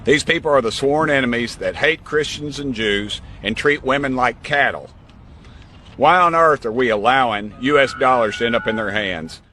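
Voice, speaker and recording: A man's voice: mid-range voice, moderate pace, pushed and bright, a little hiss or hum. A man giving indignant political commentary.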